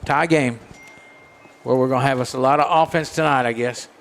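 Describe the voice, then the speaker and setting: A man giving relaxed color commentary at a high school football game. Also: fairly quick. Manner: conversational, relaxed banter.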